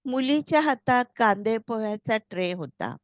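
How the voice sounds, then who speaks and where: A woman narrating a story in a measured, read-aloud style. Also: fairly high pitch, very animated, dry recording. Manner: slow, measured reading. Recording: slightly dull, dry recording.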